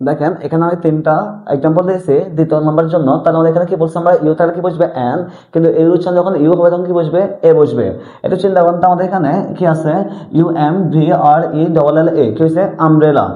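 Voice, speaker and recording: A man explains an English grammar lesson classroom-style, drilling by asking and answering his own questions over and over. His fairly high, steady voice comes rapid-fire. The audio is tinny and lo-fi, in an echoey room.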